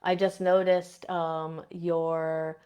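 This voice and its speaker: A woman podcast host with a Midwestern accent softened by years in Boston chats through viewer comments. Her voice sits fairly low, and she talks in a loose, conversational way with plenty of fillers. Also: moderate pace. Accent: Midwestern with a Boston influence. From Indiana. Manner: chatty, warm, reads out viewer comments, many fillers. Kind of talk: casual live-stream chat answering comments.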